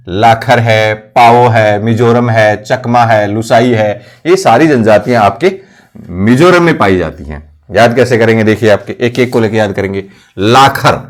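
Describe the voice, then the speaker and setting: A male coaching teacher explaining memory tricks for exam facts. He keeps asking questions and answering them himself, repeating key words. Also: medium pitch. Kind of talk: mnemonic lesson for competitive exams.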